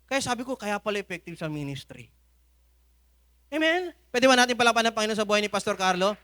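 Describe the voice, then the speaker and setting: A man's voice: high-pitched, animated, quick pace, pushed and bright. A man with a Filipino accent preaching a sermon at a church service, telling stories with humor and frequent laughter. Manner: humorous storytelling, laughs often.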